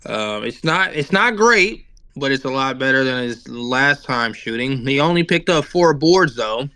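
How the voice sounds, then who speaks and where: Male podcast co-host, bright and slightly high, dry close mic, filler-heavy and repetitive. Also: lively intonation, a little slow, dry recording. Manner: repeats phrases stubbornly, many fillers. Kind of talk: casual sports debate.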